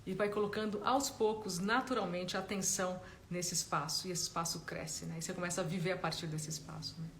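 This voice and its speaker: A woman, a meditation teacher giving a gentle, explanatory live talk and often tagging her sentences with a question. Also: lowish voice, fairly even intonation, a little fast, creaky, hardly any pauses, a little hiss or hum. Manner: gentle, explanatory, frequent "né?" tags.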